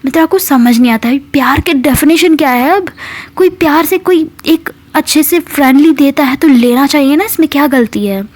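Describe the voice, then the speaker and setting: A woman telling a romance story in a casual, chatty way, her voice sitting a touch high. She explains as she goes and stops herself mid-thought to rephrase. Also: moderate pace, darkish tone. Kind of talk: casual spoken story narration.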